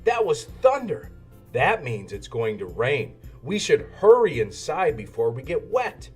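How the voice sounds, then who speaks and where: A kindly old grandfather pig from a storybook, acted out by a man, patient and slow in his explaining. Music plays behind the lively delivery. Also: on the high side, breathy edge, exaggerated voice. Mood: concerned.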